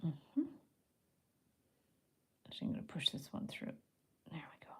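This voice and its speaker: Woman murmuring through a craft demo. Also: moderate pace. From Canada. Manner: chatty, drops to a soft murmur or whisper while concentrating on her hands. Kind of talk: live craft tutorial, thinking aloud while working.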